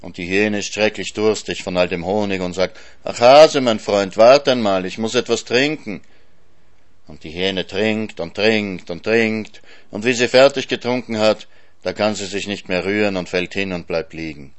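A man narrating a novel as an audiobook, in a lively storytelling manner. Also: deep voice, moderate pace. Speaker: audiobook reader.

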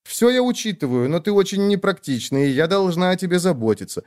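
A man's voice: high-pitched, expressive, a little fast, darkish tone, pitched above the performer's own voice. A man voicing a chatty young woman, a caring little sister who talks on and on. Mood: chatty, coaxing. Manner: talkative, eager and fussing.

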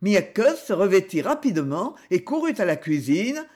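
A woman narrating an audiobook in a measured, expressive reading style. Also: mid-range voice.

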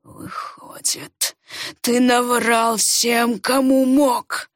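A woman reading an audiobook, voicing an older father with slow, drawn-out, pleading speech. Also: a little high, steady tone, fairly bright tone, slightly rough, no room sound, studio quality, heavily acted. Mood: stunned.

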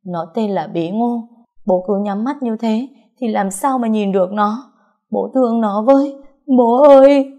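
A woman voicing a grief-stricken young woman who cries hoarsely over her dead father in an audiobook story. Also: on the high side, takes it slowly, pitched above the performer's own voice. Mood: anguished wailing. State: crying.

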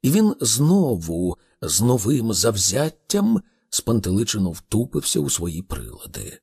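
Slow, gravelly male audiobook narrator. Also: fairly low pitch. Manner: expressive, unhurried storytelling.

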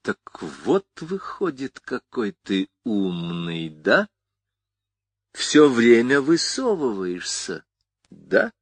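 A man's voice: mid-range voice, very animated, extremely slow, husky, no room sound, heavily acted. A man reading aloud, voicing a tough young gunwoman who mocks and threatens in gangster slang. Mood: sneering. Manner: taunting, mocking gangster slang.

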